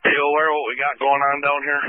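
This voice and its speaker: A man's voice: fairly high pitch, flat delivery, quick pace. A man calling in over a police radio from an emergency scene, talking in urgent, clipped radio calls. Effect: police radio transmission. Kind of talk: two-way radio traffic. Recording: tinny radio with faint hiss.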